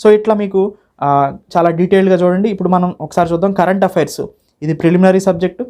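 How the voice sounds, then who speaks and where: A man's voice: sits high, flat delivery, rapid-fire, warm tone. A man with a Telugu accent giving an informal instructor's walkthrough, mixing English words heavily into his Telugu and repeating phrases step by step. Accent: Telugu, Andhra Pradesh or Telangana. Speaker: online academy instructor. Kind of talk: informal course walkthrough for exam students.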